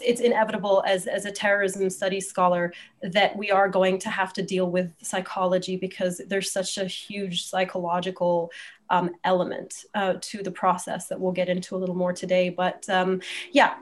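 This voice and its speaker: A woman's voice: fairly low pitch, flat delivery, normal speed, a little hiss or hum. Thoughtful Egyptian woman academic. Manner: thoughtful, hesitant with fillers. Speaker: guest academic. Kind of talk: interview answer.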